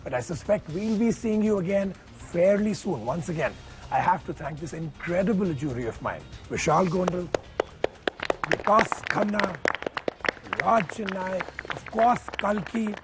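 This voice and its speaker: Man, show host, hoarse, announcing over stage music. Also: high voice, lively intonation, unhurried. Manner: upbeat, announcing. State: losing his voice.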